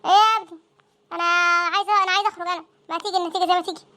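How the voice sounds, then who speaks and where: A woman doing squeaky, frantic cartoon teens. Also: fairly even intonation, rapid-fire, pushed and bright. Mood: panicky. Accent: Egyptian Arabic. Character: panicky teenage students dreading exam results. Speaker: voice actor for a comic cartoon. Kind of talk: comic cartoon dialogue.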